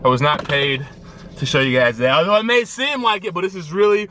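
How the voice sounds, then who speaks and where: A Chicago-area man in his twenties vlogs from his parked car on a dashboard camera, joking, swearing, and riffing in mock-advertising banter. His voice is fairly high, quick, bright, and forceful, with clear road, engine, and street noise around him.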